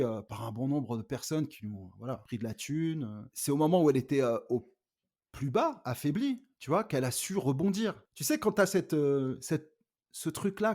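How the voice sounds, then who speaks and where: A man in middle age recounts his career in a relaxed interview. He talks in quick, animated bursts with many fillers, slipping into other people's voices as he tells a story. His voice sits somewhat high for a man. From France. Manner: animated, acts out quoted dialogue, frequent fillers. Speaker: rap artist guest.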